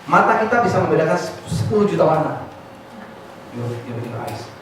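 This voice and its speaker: A man's voice: on the high side, brisk. A man giving a motivational seminar talk who keeps calling on the audience to answer, mixing in English phrases. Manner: lively, calls on the audience to answer. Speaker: motivational speaker. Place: large hall with an audience. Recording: echoey hall, far mic, noisy.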